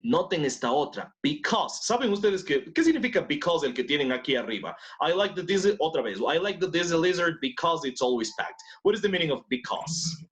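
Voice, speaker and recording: A man teaching an online English class, his voice rising and falling in a lively way. He explains words in with English examples and keeps asking whether the students follow. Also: on the high side, normal speed, hardly any pauses. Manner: explains in Spanish and English, checks in with "¿no es cierto?".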